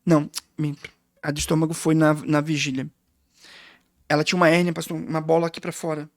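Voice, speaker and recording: Gravelly emotional Brazilian pastor telling testimony. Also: male voice, on the high side, level tone, brisk, no room sound, studio quality. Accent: Brazilian Portuguese. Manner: emotional, storytelling with quoted dialogue. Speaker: guest pastor. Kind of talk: testimony in a casual interview.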